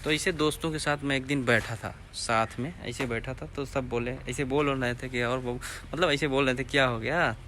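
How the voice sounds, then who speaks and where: A young man with an eastern Uttar Pradesh Hindi accent tells a rambling personal story straight to his viewers, circling back and repeating himself. His voice is bright and forward at an ordinary pitch. A faint hiss of room noise sits under him. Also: fairly even intonation, moderate pace, hardly any pauses. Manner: rambling, repeats phrases, asks viewers to comment. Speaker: vlogger telling his recruitment story. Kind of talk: casual storytelling to camera.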